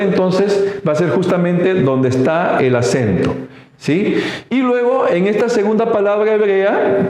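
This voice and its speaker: A man teaching a recorded lesson, slow and halting, pausing often with fillers and checking in with his listeners. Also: high-pitched, a little mellow. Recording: very echoey room.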